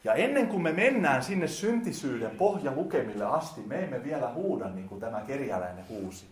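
A man preaching a sermon, talking directly to his listeners in casual speech and swinging between quiet and loud. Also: medium pitch, big pitch swings. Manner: addresses listeners directly, colloquial. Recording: echoey hall.

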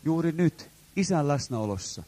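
A man's voice: on the high side, expressive, mellow. A man interpreting a sermon phrase by phrase at a live church service, matching the preacher's fervor.

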